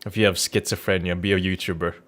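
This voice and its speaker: He's a game streamer with a low, fairly bright voice and little pitch movement who talks fast. Rambling and informal, he jokes irreverently and swears casually, on a Rode NT1-A studio condenser microphone with background music.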